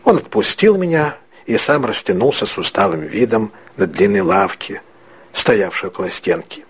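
A man reading a literary story aloud as narrator, in a measured, reflective way. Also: on the low side, lively intonation, husky.

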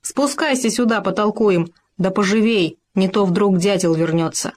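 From a storybook, a self-important little hamster lectures and scolds in a preachy, meddling way, as a woman puts him on. Her own voice stays at a middling pitch. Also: normal speed, darkish tone, natural voice. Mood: lecturing.

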